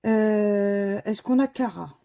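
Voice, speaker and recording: A woman's voice: medium pitch, slow, gravelly, dark tone. A woman who talks casually to her viewers while scratching lottery tickets, spelling out letters one by one and muttering under her breath between them. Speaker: scratch-card vlogger.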